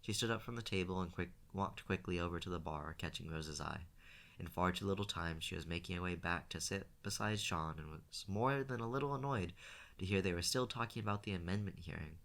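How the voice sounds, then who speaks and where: A man reading a novel aloud as an audiobook, in a steady voice with small restarts. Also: deep voice, a little fast. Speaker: audiobook reader.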